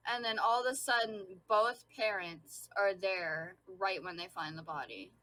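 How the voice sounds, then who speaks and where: A young woman talks in a bright, chatty way, stuffing "like" into her sentences and giggling often. Her voice sounds faint and cuts out now and then, since she is on a weaker microphone. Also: mid-range voice, a little slow, slight background noise, poor audio. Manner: fillers of like, giggly, animated. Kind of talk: casual chat. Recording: faint, cutting out from a weaker mic.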